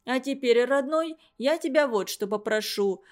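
A big, cruel old schoolmistress, played by a woman, barks harsh scolding at her pupils. The voice sits a bit high for a woman and lands hard and loud on the insults, slow and pressing. This is a storybook reading. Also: close to an everyday voice. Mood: angry scolding. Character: huge cruel old woman tutor, furious and shrill.

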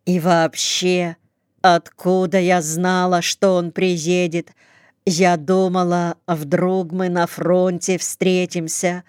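A tearful young woman speaks in a hushed, pleading voice, as a woman audiobook reader gives her lines. The delivery is slow and level, and the smooth voice sits close in a dry recording. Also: on the low side, little pitch movement, dry recording. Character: impulsive young woman volunteering for war, tearful.

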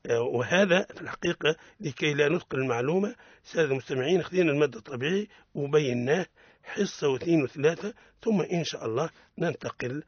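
A man's voice: fairly high pitch, lively intonation, fast talker, slightly rough, dry recording, dull audio. A man with a Tunisian Arabic accent teaching Quran recitation on a radio lesson, correcting pronunciation by repeating syllables with emphasis.

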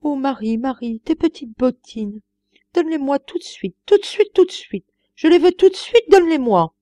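Woman reading a coaxing, obsessive old gentleman. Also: high voice, animated, normal speed, no room sound, voice pushed up. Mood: pleading. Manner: coaxing, repetitive, rising to pleading. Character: fussy elderly gentleman, obsessive and wheedling.

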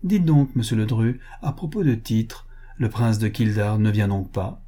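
A man's voice: lowish voice, a little slow, warm tone. A man reading the part of a crude, greedy rich upstart with a blunt, boastful way of talking. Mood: blustering.

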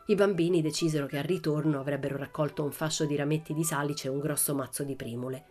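A woman narrating a children's novel aloud in an expressive storytelling manner. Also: sits low, quick pace, soft background music. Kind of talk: audiobook reading of a children's novel.

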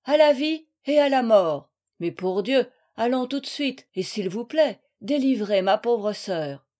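A woman's voice: on the high side, expressive, measured pace, dark tone. A woman voicing an anxious, earnest young male Huguenot prisoner in an audiobook reading.

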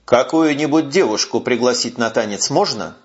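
A man's voice: mid-range voice, normal speed, natural voice. Male narrator as a drunk stubborn young lieutenant, lo-fi audio. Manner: stubborn, slurred. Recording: muffled lo-fi audio.

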